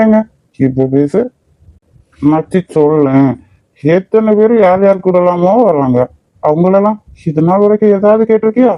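A man's voice: sits high, dry recording, muffled recording. A man voicing an angry young office friend who mocks and confronts, with a Kanyakumari Tamil accent. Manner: confrontational, mocking.

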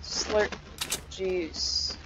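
A woman's voice: very slow, lo-fi sound, heavy background noise. A young woman casually commenting on her gameplay, chatty and easily startled, swearing often. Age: young adult. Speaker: gaming channel host.

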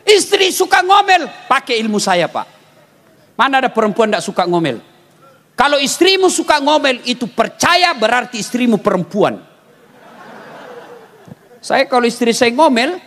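A man from Makassar giving a humorous sermon, telling animated stories with jokes and loud exclamations. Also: very high voice. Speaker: preacher. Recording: long reverb in a hall.

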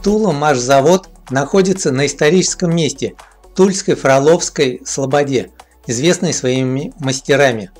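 Man reading a steady voice-over. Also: a little high, moderate pace, faint music behind. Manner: steady, even read. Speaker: narrator. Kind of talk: scripted documentary narration.

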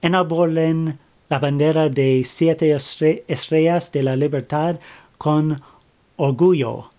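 A slightly high, warm male voice with fairly even intonation guides viewers through a flag craft one step at a time. He is speaking Spanish, not his native language, so the narration is halting, full of fillers, restarts and pauses as he gropes for words.

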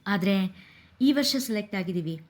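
A woman's voice: medium pitch, animated, normal speed, close to an everyday voice. A woman voicing a cheerful young friend. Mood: friendly. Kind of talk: storybook narration.

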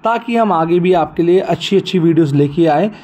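A man's voice: fairly high pitch, fairly quick, darkish tone. A man greeting viewers as the channel host and asking them to like and subscribe. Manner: welcoming, asks viewers to like and subscribe. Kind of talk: channel intro and outro.

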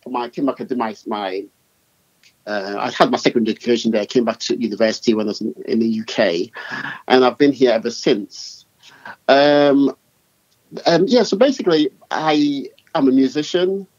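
A man's voice: mid-range voice, moderate pace, a little mellow. Middle-aged London man, guest, meandering storyteller, slightly muffled call audio. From UK and Ghana. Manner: rambling, self-correcting storyteller. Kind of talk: casual interview chat.

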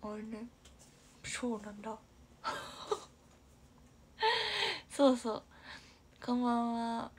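This young woman from Aichi, Japan speaks very slowly in a sing-song, slightly rough, high-leaning voice, leaving long pauses. Hosting a casual idol livestream, she's chatty and giggly, reads viewer comments aloud, and often goes almost to a whisper.

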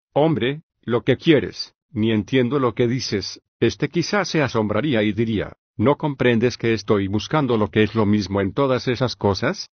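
A male reader voicing Socrates, an older patient philosopher, reading in an even, measured way with long reasoned questions. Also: mid-range voice, husky, dry recording, muffled recording, close to an everyday voice. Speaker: audiobook reader. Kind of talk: scripted audiobook reading of a philosophical dialogue.

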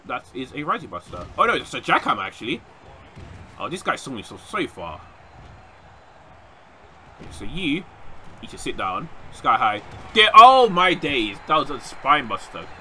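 A young man giving excited play-by-play commentary over a wrestling video game, reacting loudly and laughing often. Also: mid-range voice, a little hiss or hum. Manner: animated, reacting loudly with frequent laughs and yelps. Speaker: gaming YouTuber.

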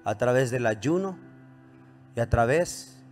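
A man's voice: mid-range voice, animated, slow, a little mellow, soft background music. A male pastor preaching a sermon, throwing rising questions to the congregation and calling for amens. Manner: preaching with call-and-response, rising emphatic questions.

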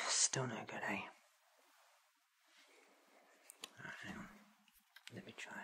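A man's voice: normal speed, sharp tone. A man whispering as the eccentric time-travelling Doctor. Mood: focused, tinkering. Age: 30s. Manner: theatrical, wordy, self-assured. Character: eccentric, curious, ancient time-travelling alien Doctor, male. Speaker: ASMR roleplay performer. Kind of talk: whispered ASMR roleplay. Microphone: close sensitive microphone.

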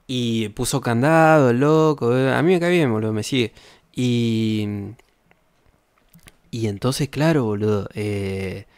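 A man's voice: mid-range voice, a little mellow, no echo, clean studio sound. A young man from Argentina with a Rioplatense accent, reacting to tweets as a streamer in rambling, sarcastic casual chat, swearing often and laughing at his own jokes. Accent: Rioplatense Spanish.

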